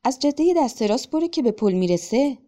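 A woman's voice: sits high, lively intonation, dark tone, voice pushed up. A woman reading a story aloud, voicing a fretful village schoolteacher who scolds anxiously. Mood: worried.

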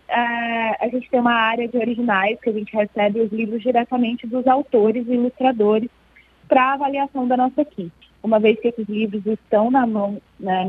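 A woman speaking over a thin phone line, with a slightly husky voice. She explains things in a measured way, filling pauses with hesitations. The sound is dry and close. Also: on the high side, no echo. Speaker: interview guest, children's book club representative. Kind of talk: explanatory interview answers.

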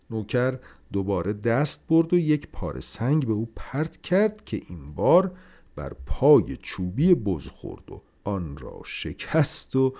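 A man reading a literary story aloud for a podcast, with expressive, dramatic pacing. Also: lowish voice.

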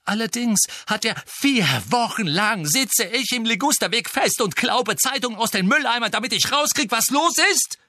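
A man's voice: a little high, big pitch swings, moderate pace, fairly bright tone, no room sound, voice pushed up. Man voicing Harry, a furious teenage wizard. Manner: furious, sarcastic outbursts. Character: angry teenage boy wizard, resentful, shouting.

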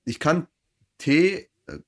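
A young man in casual chat, reading out facts haltingly and laughing. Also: on the high side, lively intonation.

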